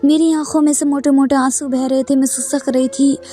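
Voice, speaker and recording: A woman narrating a dramatic first-person story in a steady, even manner. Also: high voice, fairly quick, faint music behind.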